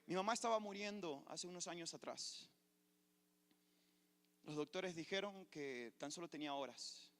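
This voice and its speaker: Fervent pastor in an echoey church. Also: male voice, fairly high pitch, normal speed, long pauses, a bit bright. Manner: fervent preacher, storytelling testimony. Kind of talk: sermon. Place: church sanctuary.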